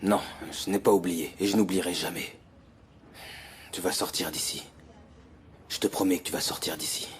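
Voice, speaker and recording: An actor dubbing a loyal childhood friend who firmly urges honesty in a telenovela. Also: male voice, low-pitched, steady tone, normal speed, pauses often, a little hiss or hum, lightly acted. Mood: earnest.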